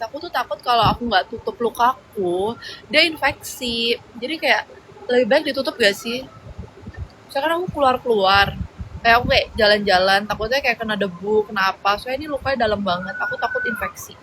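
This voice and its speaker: A woman's voice: fairly high pitch, bright, forceful tone, slight background noise, low-quality recording. A young woman chatting casually on a livestream, reading out viewer comments and rambling with slangy fillers.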